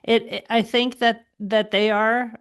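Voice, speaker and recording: A woman's voice: a little high, level tone, unhurried, clean tone. A woman hosting an interview podcast, affirming her guest and asking open questions. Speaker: podcast host. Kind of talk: conversational interview.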